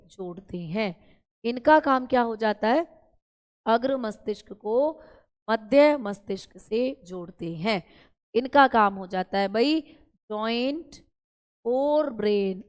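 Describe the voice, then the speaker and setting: A woman teaching an online class, repeating key terms and talking directly to her students. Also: a little high. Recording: long hall reverb.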